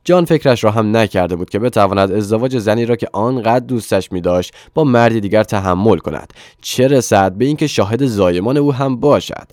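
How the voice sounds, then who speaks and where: A man narrating a novel in a steady, even storytelling voice. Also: fairly low pitch, no echo, clean studio sound. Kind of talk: scripted audiobook narration.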